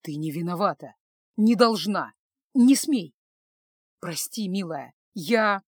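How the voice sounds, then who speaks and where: A woman's voice: lowish voice, lively intonation, takes it slowly, darkish tone, slightly rough, no echo, clean studio sound, voice pushed down, heavily acted. A woman doing a desperate, pleading young man. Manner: pleading, strained.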